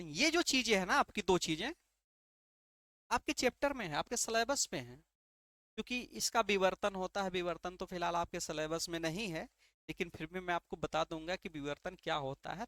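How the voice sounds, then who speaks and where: A man's voice: sits high, fairly bright tone, no echo, studio quality. A male teacher giving an exam-prep lesson, asking rhetorical questions and answering them himself, and often repeating key terms. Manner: repeats key terms and checks understanding with "ठीक है".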